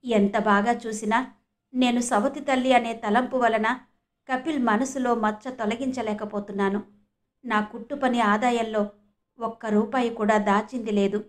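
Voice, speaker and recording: A sorrowful middle-aged stepmother speaks in a low, subdued way, read by a woman. Her grief carries through the audio storybook. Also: fairly even intonation, unhurried, close to an everyday voice. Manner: grieving, subdued.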